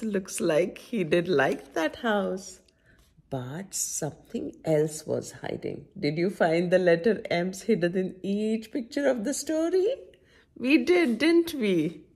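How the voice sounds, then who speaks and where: A husky, mid-range female voice reads a picture book aloud with expression to young children, frequently asking them questions. She's a middle-aged story time host in an indoor room at home beside a window.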